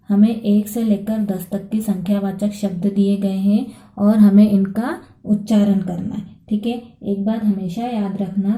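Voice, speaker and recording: A woman's voice: medium pitch, mellow, echoey room. A woman teacher giving a patient Sanskrit lesson to students, explaining step by step and often checking that they follow.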